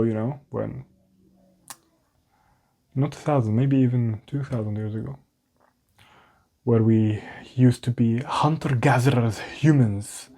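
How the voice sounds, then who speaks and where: A young adult vlogger with a clear foreign, non-native English accent speaks in a mellow, relaxed, mid-range voice. In a casual vlog from a small room at home, he rambles candidly to the camera, pokes fun at himself, and often restarts.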